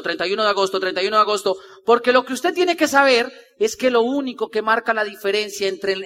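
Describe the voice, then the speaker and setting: A motivational speaker rallies a convention crowd in a high, piercing voice, animated and energetic, repeating his points and acting out the people he quotes. It's a live talk, his words ringing through a large hall with long reverb.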